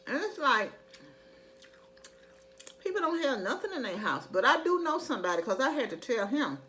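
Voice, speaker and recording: A woman's voice: high voice, very animated, normal speed, sharp tone, a little hiss or hum. A middle-aged woman in casual, rambling chat to her viewers, conversational and emphatic when she makes a point. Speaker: mukbang vlogger.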